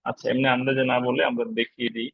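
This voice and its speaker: A man teaching an online spoken-English class in a relaxed, explanatory way, pausing often on fillers. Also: medium pitch, slightly rough, dry recording, phone-quality sound. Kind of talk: online lecture on pronunciation. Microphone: video call.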